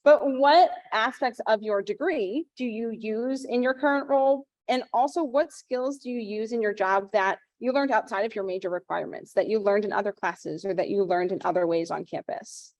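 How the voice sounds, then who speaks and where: A woman moderating a panel over a video call, asking questions briskly. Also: mid-range voice, a little mellow, no echo.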